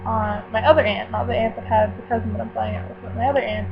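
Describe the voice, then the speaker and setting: A teenage girl who runs a book club vlog chats casually to her viewers in a slightly high, fast, creaky voice over music. She rambles with lots of fillers and corrects herself as she goes, and the recording is tinny and lo-fi with a steady mains hum.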